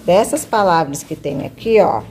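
A woman's voice: on the low side, expressive, normal speed, darkish tone, a little hiss or hum. A woman teacher guiding a child through a reading lesson, patiently coaxing and stretching out syllables. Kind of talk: one-on-one literacy lesson.

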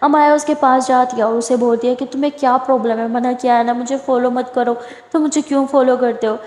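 A woman's voice: high voice, steady tone, fairly quick, darkish tone. A woman retelling a love story in a chatty, casual way, with fillers. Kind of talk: casual spoken story narration. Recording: roomy echo with long reverb.

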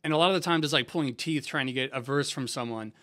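A young man from San Diego, a music producer hosting a casual software tutorial in a laid-back, slangy, conversational way. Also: mid-range voice, fast talker. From San Diego, USA.

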